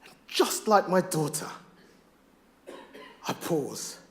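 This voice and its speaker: A middle-aged father speaking on stage, performing spoken word poetry with a rhythmic, rhymed delivery that swings from hushed to loud. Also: on the high side, big pitch swings, slow, vocal fry.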